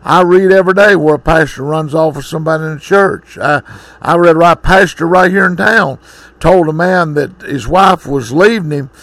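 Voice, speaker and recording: A man's voice: a little high, normal speed, fairly bright tone, dry recording. A man preaching a sermon, reading scripture and then exhorting in a folksy way.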